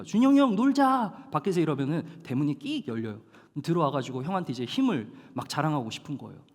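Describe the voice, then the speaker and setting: Lively male pastor preaching in a hall. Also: medium pitch. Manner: animated storytelling with dramatic slowdowns. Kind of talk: sermon. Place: church hall. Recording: long hall reverb.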